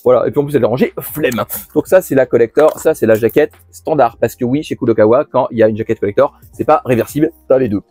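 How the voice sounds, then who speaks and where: A man's voice: mid-range voice, quick pace, few pauses, dark tone, no echo, soft background music. A man hosting a casual monthly manga haul video, chatty, with many fillers and restarts. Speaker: manga channel host.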